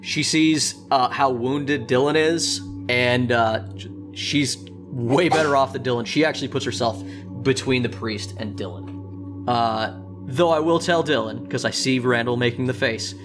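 A man's voice: medium pitch, a little slow, music in the background. A man narrating a tabletop game as game master in a casual, improvised way.

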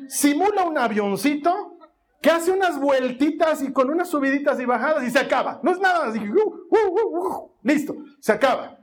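A man's voice: very high voice, normal speed. A man preaching a sermon, telling a family story and acting out every voice in it. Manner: animated storytelling, acts out voices.

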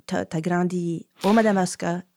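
A woman's voice: on the low side, fairly even intonation, mellow, slight background noise. A woman with an Acadian French accent from Baie-Sainte-Marie, hosting a podcast interview and asking questions with many restarts. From Baie-Sainte-Marie, Nova Scotia. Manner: rapid, searching, with repeated restarts. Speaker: podcast host.

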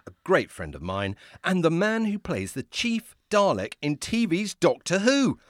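A man's voice: high-pitched, huge pitch swings, measured pace, dry recording. A man co-hosting a comedy podcast, showman-like and wry in scripted banter. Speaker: podcast host.

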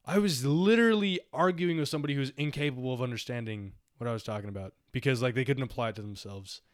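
A man's voice: mid-range voice, fast talker, no echo, clean studio sound. A young man co-hosting a podcast, musing in casual philosophical chat with a lot of "like" and "you know". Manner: rambling, reflective, heavy use of "like". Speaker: podcast co-host.

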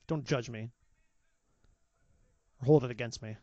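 A man's voice: mid-range voice, unhurried, mellow, no room sound. A man co-hosting a podcast, chatting casually and rambling with lots of restarts while watching wrestling. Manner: rambling, self-interrupting, chatty. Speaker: podcast co-host. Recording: dull lo-fi podcast audio.

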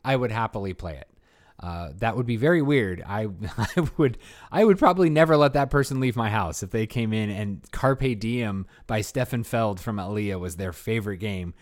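A man co-hosting a casual board game podcast, joking and rambling with quick asides. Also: lowish voice, expressive. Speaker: podcast co-host.

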